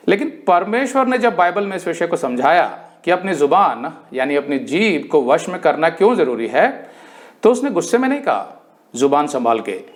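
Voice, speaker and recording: जोशीला, ऊँची आवाज़ वाला पुरुष बाइबल शिक्षक. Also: male voice, sits high. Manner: animated storytelling, acts out quoted speakers. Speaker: Bible teacher. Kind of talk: sermon-style Bible study.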